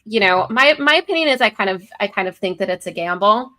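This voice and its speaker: A woman's voice: medium pitch, animated, quick pace, pushed and bright. A woman co-hosting a casual political talk show, reading news articles aloud with many fillers and self-corrections. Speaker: co-host.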